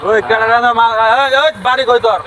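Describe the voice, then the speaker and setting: Guy playing preachy educated bangladeshi man telling someone off, high voice, super fast, comedy skit. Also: little pitch movement, bright, forceful tone, slight background noise. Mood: scolding. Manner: hectoring, rapid-fire questioning. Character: scolding, self-important educated man lecturing a drunk.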